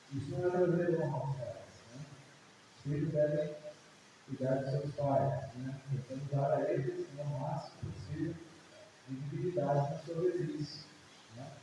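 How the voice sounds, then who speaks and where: A man's voice: fairly high pitch, dark tone. A man with a Brazilian Portuguese accent preaching a sermon at a prayer service, chatty, often tagging his sentences with a questioning aside and acting out parents and children. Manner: conversational preaching, frequent "né?" tags, acts out parents and children. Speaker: pastor. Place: church hall. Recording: echoey church hall, distant mic, faint hiss.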